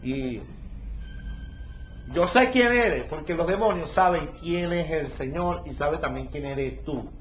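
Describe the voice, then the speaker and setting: A fairly high-voiced male pastor teaches scripture verse by verse and keeps asking his small group whether they are following. The recording sounds dull and lo-fi, with a faint hum of room ambience behind him. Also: animated, unhurried. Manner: explains verse by verse, checks in with listeners. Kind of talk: Bible study teaching.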